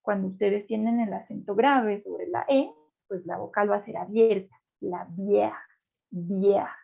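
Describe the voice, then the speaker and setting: A woman's voice: mid-range voice, moderate pace, gravelly, breathy edge. A woman teaching a beginner French class, patiently repeating words for her students to drill. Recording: dull lo-fi sound.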